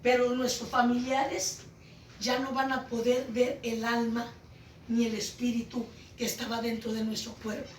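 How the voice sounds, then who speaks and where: A woman giving an impassioned Pentecostal testimony sermon, moving between shouted pleas and hushed tones. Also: a little high, monotone, unhurried, a little hiss or hum. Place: church home meeting. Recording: echoey room, voice from far off.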